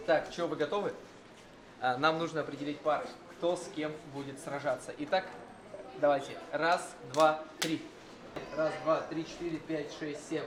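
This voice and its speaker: A man hosting a game challenge in a casual, excited style. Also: a little high, normal speed. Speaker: host of a challenge show. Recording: echoey room with clear background noise.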